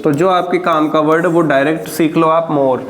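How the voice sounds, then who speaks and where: High-voiced grammar teacher. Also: male voice, fairly even intonation. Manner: slow, drawn-out dictation of examples, asking and answering his own questions. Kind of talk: grammar lesson.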